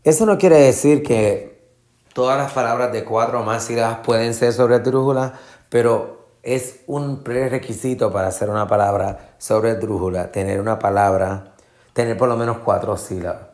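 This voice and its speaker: Speaking at a medium pitch with a darkish tone, a male teacher takes his class through Spanish. He says words slowly and repeatedly to mark their stress, slips English fillers in, and keeps his explanations patient.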